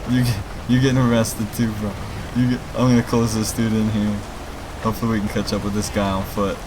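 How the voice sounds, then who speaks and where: A fairly low, fairly flat voice moves at a quick clip as a gaming host and mod creator gives relaxed let's play commentary, voicing his thoughts to the people watching. Game rain and traffic noise from a city scene are heard clearly behind him.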